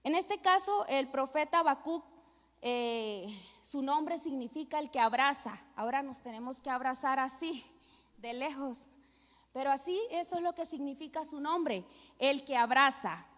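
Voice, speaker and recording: In a reverberant church hall, a middle-aged woman pastor with a Venezuelan accent delivers a sermon and prayer, stressing and repeating devotional lines. Her voice is high-pitched with a fairly bright tone.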